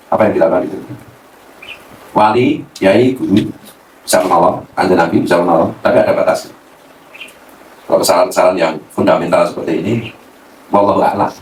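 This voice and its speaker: Animated cleric speaking from afar. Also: male voice, fairly low pitch. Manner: animated, mixes Javanese slang, laughs often. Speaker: Islamic cleric. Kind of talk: casual religious talk. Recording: roomy, from a distance, faint noise.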